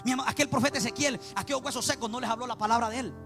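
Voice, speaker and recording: Male preacher, very high and fast, gravelly edge, fervent sing-song sermon delivery, faint music behind. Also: steady tone, sharp tone. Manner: impassioned, repeats "mi amado hermano", chants some lines.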